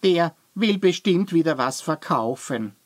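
A woman voicing a small, cheerful male kobold in a children's audiobook, with a bright, eager storybook voice. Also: lowish voice, expressive, a little slow, no echo.

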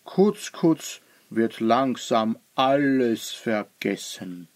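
Man playing a slow, grave old wizard. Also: medium pitch, expressive, no room sound.

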